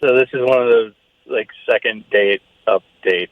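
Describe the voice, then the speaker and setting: A young man heard over a telephone line, talking in a hesitant, nervous, halting way. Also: lowish voice, no room sound. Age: young adult. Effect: heard over a phone line. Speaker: guest called on the radio show. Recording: tinny phone line.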